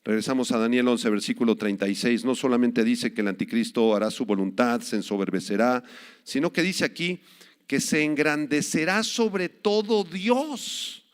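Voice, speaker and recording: A male pastor preaching a sermon emphatically, with dramatic swings in loudness, recorded in a reverberant hall. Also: mid-range voice, normal speed, clear, resonant tone.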